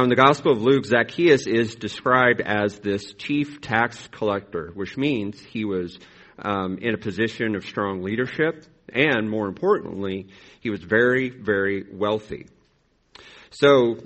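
A lower-pitched man gives an informal, reflective sermon as a pastor. He speaks haltingly, his articulation a little impeded by braces. The recording is slightly dull. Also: a bit bright. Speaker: pastor preaching. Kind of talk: conversational sermon.

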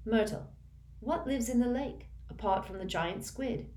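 A woman's voice: fairly high pitch, animated, a little slow, warm tone, pitched above the performer's own voice. Harry Potter, a woman voicing an earnest schoolboy. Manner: earnest, a little impatient. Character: earnest teenage schoolboy wizard. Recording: roomy echo.

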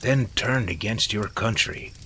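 A man's voice: fairly low pitch, a little slow, bright, forceful tone, a little hiss or hum. A man voicing a defiant captured man who speaks with open scorn.

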